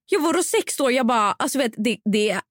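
Animated young woman podcast co-host. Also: on the high side, dry recording, clean studio sound. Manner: animated storytelling with quoted inner voice. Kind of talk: casual chat.

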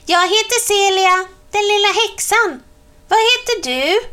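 A woman's voice: expressive, a bit bright. A woman voicing a cheerful, proud little witch girl in a storybook reading. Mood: eager. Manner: squeaky, eager child voice.

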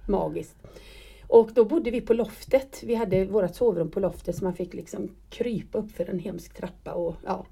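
A woman's voice: medium pitch, gravelly, mellow, slightly rough. A middle-aged woman telling a personal story in casual conversation, often stopping and restarting as she searches for words. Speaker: guest.

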